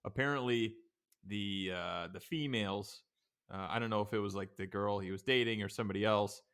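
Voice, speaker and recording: A man's voice: on the low side, fairly quick, a bit bright, smooth. A young man co-hosting a podcast, explaining things in a laid-back, rambling casual way. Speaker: podcast co-host. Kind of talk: casual chat.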